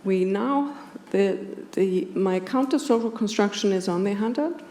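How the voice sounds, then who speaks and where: At a conference, an Icelandic philosopher lectures to an audience in an indoor room, her native Icelandic accent evident. She speaks with measured precision in a dark, medium-pitched voice, partly from a script, and the roomy hall picks up clearly audible background noise.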